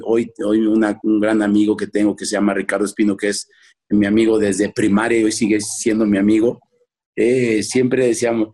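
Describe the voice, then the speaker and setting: Husky Mexican man telling old stories. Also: lowish voice, darkish tone. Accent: Mexican Spanish. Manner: rambling with many restarts, acts out his parents' voices. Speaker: former footballer, guest. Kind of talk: casual interview storytelling.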